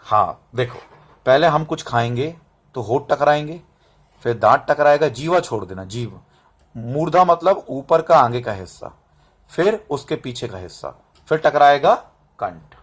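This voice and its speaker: A man's voice: medium pitch, lively intonation, a little slow. A man teaching a lesson to students. He calls them बेटा, repeats terms and syllables to drill them, and keeps checking whether they understand. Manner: drills terms and asks "समझ में आ रहा है?" to check understanding. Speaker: Hindi teacher. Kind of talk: recorded classroom lesson. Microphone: camera mic, set up and adjusted by himself.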